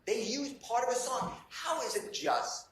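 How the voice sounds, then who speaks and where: A man's voice: extremely high pitch, expressive, measured pace, fairly bright tone, roomy sound, a little hiss or hum, poor audio. A man working as a defense attorney, pleading insistently with a judge in a courtroom.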